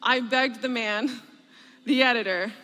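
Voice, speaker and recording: A woman in her thirties giving a graduation speech, with deliberate, emphatic pauses. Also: on the high side, steady tone, pushed and bright. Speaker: commencement speaker. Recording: long hall reverb.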